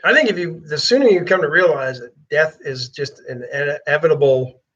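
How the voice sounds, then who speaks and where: Talk radio co-host, conversational, slightly high voice, lo-fi sound. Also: male voice, normal speed, a bit bright, slightly rough. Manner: conversational, repeats words while thinking. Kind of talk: casual chat, reading listener comments. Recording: dull lo-fi sound.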